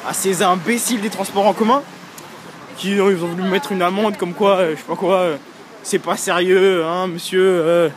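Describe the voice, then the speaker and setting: A young male vlogger with a voice that sits high rants casually and provocatively from inside a vehicle, with a little hiss or hum on the recording. He rambles, packing his talk with fillers and slang.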